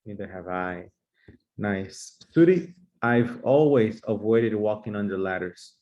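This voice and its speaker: Brisk man teaching an English class. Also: on the low side, animated. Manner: brisk, encouraging teacher drilling grammar. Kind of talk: comedic classroom sketch lesson. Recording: slightly muffled lo-fi recording.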